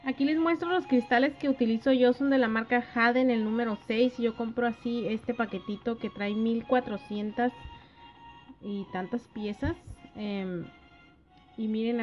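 A woman with a fairly high voice narrates a nail art tutorial in a gentle, friendly way, pausing on small fillers as she explains each step. The voice-over sounds dull and lo-fi, with quiet music underneath.

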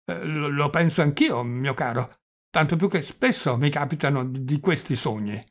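A man's voice: on the high side, normal speed. A man reading the part of a forgetful, rambling old prince who stammers and drops French phrases, in an audiobook. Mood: fretful. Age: older.

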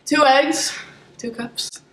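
A woman's voice: sits high, fairly even intonation, takes it slowly. Giggly young woman vlogging, playful teasing, roomy echo, kinda far off. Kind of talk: casual chat. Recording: echoey room, far mic, music behind.

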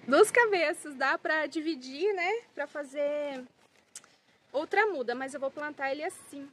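A woman's voice: sits high, measured pace, a bit bright. A woman with a Brazilian Portuguese accent, unboxing plants for her vlog in an effusive, exclaiming way, often turning to her viewers. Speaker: plant vlogger.

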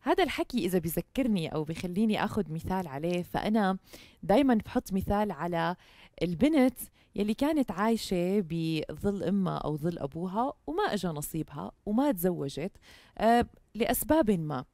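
A woman's voice: fairly low pitch, lively intonation, a little fast, mellow, no echo. A young woman with a Jordanian accent hosts a talk show, speaking conversationally in an earnest, emphatic way. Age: young adult. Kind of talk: conversational studio monologue. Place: TV studio, indoors. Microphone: headset.

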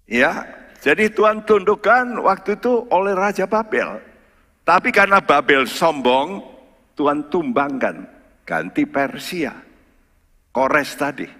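Male pastor, lively sermon, bright tone, church reverb. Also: fairly high pitch, takes it slowly, pauses often. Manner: lively preacher, rhetorical questions, mixes English words. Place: large church hall.

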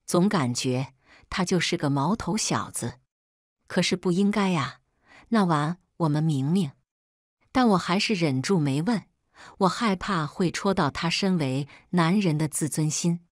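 A woman reading a first-person romance story aloud as a storyteller, in an expressive, dramatic manner. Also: sits low, a little slow, no room sound, clean studio sound.

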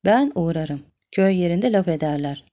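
A woman's voice: lowish voice, lively intonation, normal speed, dark tone, close to an everyday voice. A woman voicing a sly, lecherous middle-aged village man who coaxes and then threatens. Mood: evasive.

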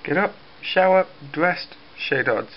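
A young vlogger, nose blocked from a cold, chats casually into a handheld camera at arm's length and laughs often, first in his bedroom at home and later in a busy cafe. His fairly high voice is animated and slow, captured in slightly dull lo-fi camera audio with a busy crowd and a little hiss or hum.

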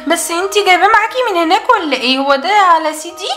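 A woman with an Egyptian Arabic accent voicing an excitable young girl doll who chats and frets. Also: very high-pitched, very fast, soft background music. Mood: chatty. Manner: excitable, chatty. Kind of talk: doll play acting. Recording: echoey room.

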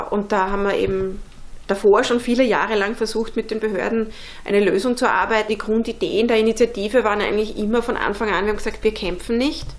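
An unschooling mother being interviewed speaks earnestly and thoughtfully in a casual way, filling pauses with many small hesitations. Her voice is at a typical middle pitch for a woman, recorded close up in an indoor workshop.

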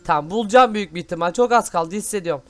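A man hosting excited gameplay commentary, full of loud exclamations. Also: high voice, rapid-fire, over loud music. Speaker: gaming host.

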